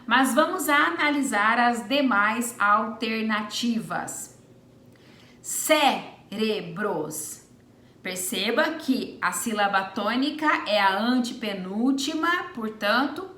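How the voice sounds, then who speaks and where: Slow, deliberate woman teacher. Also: fairly high pitch, pushed and bright. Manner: deliberate, stretches out example words. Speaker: Portuguese teacher. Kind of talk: slow explanatory lesson. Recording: echoey room.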